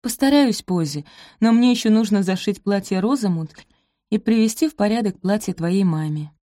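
A woman reading aloud and voicing a gentle, patient young servant girl who reassures others. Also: mid-range voice, expressive, moderate pace, dry recording, studio quality, pitched above the performer's own voice, natural voice. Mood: reassuring. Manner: soothing, reassuring. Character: patient kind young maid, weary but gentle.

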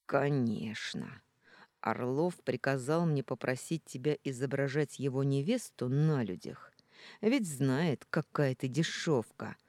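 A woman's voice: very deep voice, lively intonation, a little slow, a little mellow, no echo, clean studio sound, exaggerated voice. A woman voicing a cold, contemptuous young man in an audiobook, with a harsh, scornful delivery. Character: contemptuous young male boyfriend, cold and cruel. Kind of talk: audiobook character reading.

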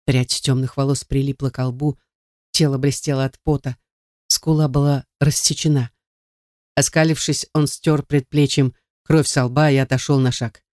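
A man's voice: mid-range voice, level tone, normal speed, darkish tone, dry recording, studio quality. A man narrating a first-person novel in a tense, dramatic reading. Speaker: audiobook narrator.

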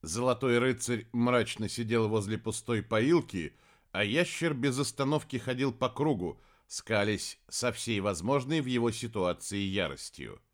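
Lively male audiobook narrator. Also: mid-range voice, unhurried. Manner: lively storytelling.

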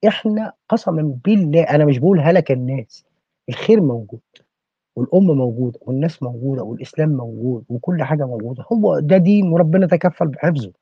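Egyptian man, podcast guest, husky and quick, preachy rhetorical style, dry lo-fi sound. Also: a little high, expressive, no echo. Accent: Egyptian Arabic. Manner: preachy, fires rhetorical questions. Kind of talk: impassioned podcast discussion. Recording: dull lo-fi recording.

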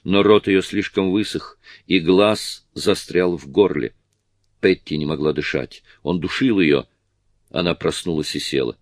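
A man reading a novel aloud in steady, measured audiobook narration. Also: low-pitched, no echo, studio quality. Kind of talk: scripted narration.

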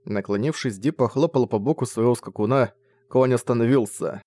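A man narrating an audiobook in an even, measured way. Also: medium pitch, dry recording, studio quality. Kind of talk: scripted narration.

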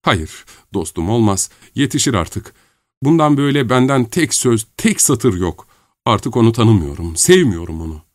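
A man's voice: medium pitch, sing-song, moderate pace, no echo, studio quality, close to an everyday voice. A man reading a novel aloud, voicing a distraught young woman who pleads emotionally in a raised voice. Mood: bitter. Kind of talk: audiobook character reading.

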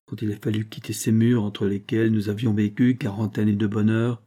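A man voicing a frail, gentle old man who pleads tenderly, in a storybook reading. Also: fairly low pitch, flat delivery, moderate pace, natural voice. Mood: sorrowful.

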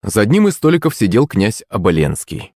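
Lively, low-voiced male audiobook narrator. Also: fairly quick, no room sound, studio quality. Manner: lively, expressive storytelling.

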